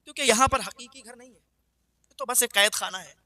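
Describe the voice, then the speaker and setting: Male preacher, high bright voice, emotive storytelling with repeated phrases, dry close sound. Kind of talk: storytelling sermon.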